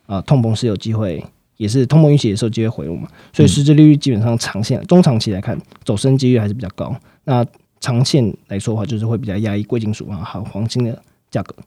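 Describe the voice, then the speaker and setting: A man lays out market analysis at a brisk clip, his voice dark and a little husky. He explains step by step, with frequent fillers and trailing particles. The sound is dry and close to the mic. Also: fairly low pitch, expressive, no echo. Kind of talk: financial commentary chat.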